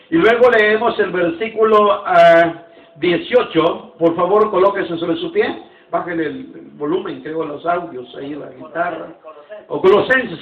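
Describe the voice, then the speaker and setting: A man from Nicaragua with a Nicaraguan accent, preaching a Sunday school sermon as pastor and leading slow, emphatic scripture readings in a church hall. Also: sits high. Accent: Nicaraguan Spanish. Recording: roomy, distant, dull church recording.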